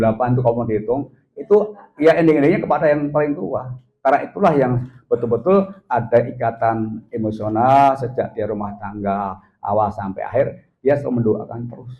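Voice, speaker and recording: A man's voice: mid-range voice, a little mellow, low-quality recording. Playful man joking through a seminar talk. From Indonesia. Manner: playful, teasing, often laughing with the audience. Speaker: professor giving a parenting seminar talk. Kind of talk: lively seminar talk with jokes and audience questions.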